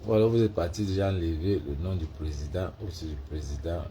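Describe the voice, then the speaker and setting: A man with an African French accent, vlogging casually as he mocks a voice assistant in loud, profane bursts. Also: low voice, a little fast, noisy background. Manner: loud, profane and mocking, switching between English and French. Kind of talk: casual vlog, heckling a voice assistant.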